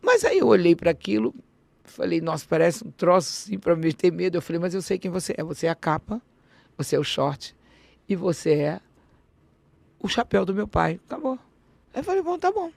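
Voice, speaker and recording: A woman, a guest on a podcast interview, telling a personal story in an animated way, acting out dialogue and often restarting her sentences. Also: on the low side, a little fast, vocal fry, dry recording.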